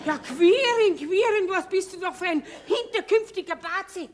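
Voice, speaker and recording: Shrill, high-pitched nosy Bavarian neighbour woman. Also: lively intonation, normal speed, slight background noise. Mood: indignant. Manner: scandalised, grumbling, blunt. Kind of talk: folk theatre comedy acting.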